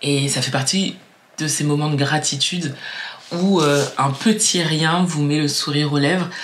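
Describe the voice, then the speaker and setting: A young woman from Martinique chats to camera in a relaxed vlog. She muses aloud, circling back on her thoughts and repeating words as she goes. Faint background noise sits under her voice. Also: low-pitched, unhurried. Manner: chatty, musing, many fillers and repeats. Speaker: vlogger. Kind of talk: casual reflective vlog.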